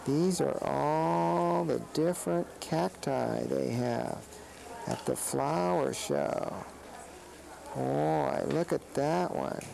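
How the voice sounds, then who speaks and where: Friendly kids'-show snake, as a performer voices it, very gravelly, dark tone. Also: mid-range voice, very slow, heavily acted, poor audio. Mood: gentle. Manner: gentle, explaining to children. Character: friendly snake puppet touring a flower show. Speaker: children's show presenter. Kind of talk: kids' TV field segment.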